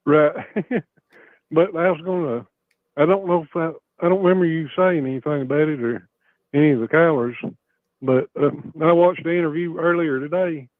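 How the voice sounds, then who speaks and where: A middle-aged man from Kentucky with an Appalachian accent, chatting casually and haltingly as a folksy caller. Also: fairly high pitch, no echo. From Kentucky, USA. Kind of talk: casual chat. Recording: muffled, band-limited phone call.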